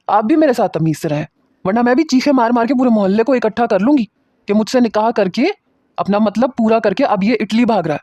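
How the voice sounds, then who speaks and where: A man voicing a defiant, sharp-tongued young bride who scolds and threatens her new husband. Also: high voice, animated, no room sound, pitched above the performer's own voice. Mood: threatening.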